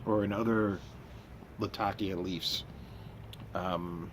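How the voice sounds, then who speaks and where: A man in his fifties chatting casually and unhurriedly, with pauses, as he smokes a pipe that is often in his mouth. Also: deep voice, fairly even intonation, poor audio. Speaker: pipe tobacco reviewer. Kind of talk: casual vlog chat. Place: outdoors by a house with trees. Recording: clear outdoor ambient noise.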